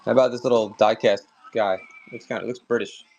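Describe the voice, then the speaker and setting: A man's voice: fairly low pitch, steady tone, brisk, gravelly, a little mellow, highs cut off, faint music behind. Chatty man selling collectibles live. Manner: chatty, upbeat, talks to viewers by name. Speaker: live auction seller. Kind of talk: casual live-stream selling chat.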